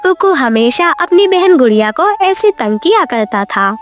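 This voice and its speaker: A woman narrating a children's cartoon story in a lively, expressive way. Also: high voice, measured pace, faint music behind.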